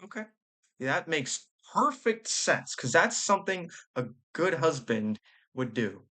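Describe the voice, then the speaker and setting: A man's voice: on the high side, big pitch swings, unhurried, sharp tone. A young man giving sarcastic, blunt commentary, using slang and stumbling over his words. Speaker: commentary vlogger. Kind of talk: reaction commentary.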